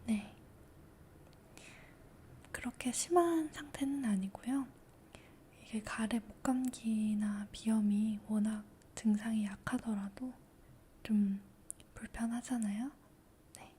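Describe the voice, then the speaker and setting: A woman whispers very slowly and gently in a mellow, higher-pitched voice, playing a doctor during a calm checkup. Her tone stays patient and reassuring throughout. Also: slight background noise. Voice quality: soft whisper. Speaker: ASMR doctor roleplay. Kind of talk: whispered ASMR roleplay.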